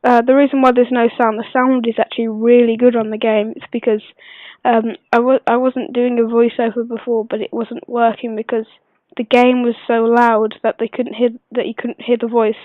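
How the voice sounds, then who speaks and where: A woman who is unwell gives a casual gameplay tutorial voice-over, speaking quietly but clearly in a hesitant, rambling way. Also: a little high, level tone, normal speed, no room sound. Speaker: gaming video maker. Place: voice-over recorded at a computer. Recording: dull lo-fi computer recording, dry.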